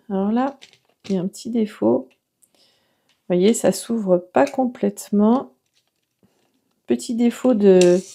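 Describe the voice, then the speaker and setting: Female video host, mellow timbre; casual, excitable unboxing chat with frequent hesitations. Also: medium pitch, gravelly, slight background noise. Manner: enthusiastic and exclamatory, often hesitating. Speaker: watercolour artist and video host.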